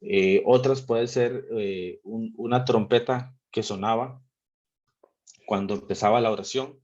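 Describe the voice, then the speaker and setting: A man's voice: lowish voice, steady tone, unhurried, a little mellow, highs cut off. A man from Rica, reading scripture aloud and patiently explaining it in a Bible study talk. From Costa Rica. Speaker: theology group speaker.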